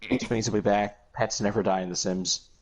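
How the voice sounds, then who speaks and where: A man's voice: on the low side, fairly even intonation, moderate pace. A man co-streaming a game, chatting casually with dry wisecracks and casual swearing. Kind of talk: casual chat.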